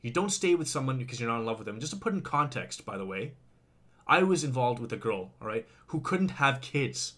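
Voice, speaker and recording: A man's voice: mid-range voice, big pitch swings, fairly quick, fairly bright tone. A man venting in a confessional vlog, swearing heavily, repeating himself and talking straight to his viewers. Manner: heavy swearing, angry and venting; repetitive, speaks directly to viewers. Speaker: vlogger. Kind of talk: confessional rant to camera.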